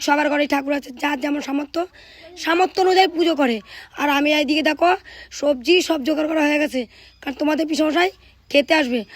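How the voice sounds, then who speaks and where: A woman's voice: sits high, no room sound. A woman in her thirties, a mother of three, narrating her household chores in a chatty way that speaks straight to her viewers. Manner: chatty, addresses viewers directly. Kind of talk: casual household vlog narration.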